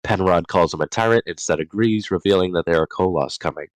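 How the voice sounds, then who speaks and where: A man's voice: deep voice, fast talker, smooth, dry recording, low-quality recording. A man hosting a casual book discussion, reading chapter summaries from his notes and often stumbling and correcting himself.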